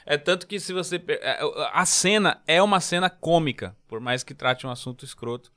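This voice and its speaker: A man from Brazil in casual podcast chat, slangy and animated, often trailing off and restarting. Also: on the high side, brisk. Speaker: podcast host.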